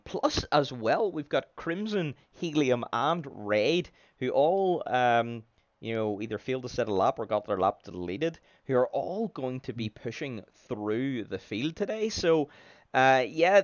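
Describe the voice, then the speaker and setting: A chatty man commentates a sim race with a relaxed, rambling flow and plenty of fillers. His voice sits at a medium pitch and comes through a dull, lo-fi stream mic. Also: dry recording. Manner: chatty, laughs easily, many fillers. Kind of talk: casual live race commentary.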